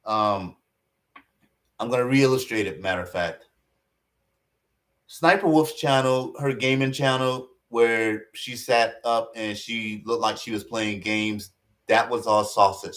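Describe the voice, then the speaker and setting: A man's voice: fairly low pitch, a bit bright. A man giving casual online commentary, rambling, with many fillers and restarts.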